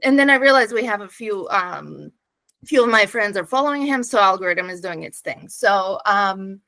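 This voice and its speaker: A woman in her thirties with a Serbian accent, a guest telling her story in a casual interview, lively, laughing often and pausing on fillers. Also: mid-range voice, dry recording, rough recording.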